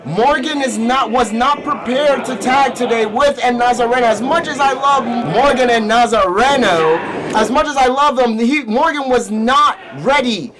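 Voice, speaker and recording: A man from Puerto Rico provides live wrestling color commentary in a strikingly high voice. He is excitable and exclamatory, with a clearly audible crowd behind him. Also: moderate pace, rough recording. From Isabela, Puerto Rico.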